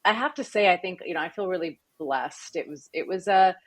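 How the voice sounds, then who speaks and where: Low-voiced woman guest. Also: a little fast, slight background noise. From Southern California. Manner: articulate, warm storytelling with fillers. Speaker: guest, company executive. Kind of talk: interview conversation.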